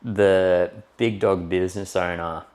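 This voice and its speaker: A man's voice: low-pitched, fairly even intonation, a little slow, a little mellow. A man talks through health topics on a casual podcast. He rambles a little, piling up fillers as he explains. His tone stays easygoing and conversational. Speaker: podcast co-host.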